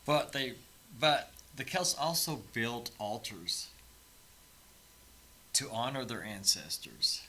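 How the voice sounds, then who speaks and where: A man's voice: medium pitch, expressive, slow pace, pauses often, pushed and bright, poor audio. A man co-hosting a podcast in casual chat, laid-back and joking, often restarting his sentences. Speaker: podcast co-host.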